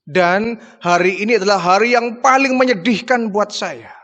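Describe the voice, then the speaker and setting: A man's voice: high voice, normal speed, a bit bright, muffled recording, voice pushed up. A man voicing a grieving, devoted nursing mother who pleads through tears, in a retold religious story. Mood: tearful pleading. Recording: long hall reverb.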